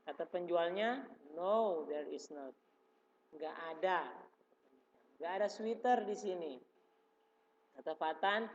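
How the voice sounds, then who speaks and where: A male religious school teacher with an Indonesian accent, explaining slowly and patiently in class and repeating each phrase. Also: high voice. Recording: dull reverberant room recording.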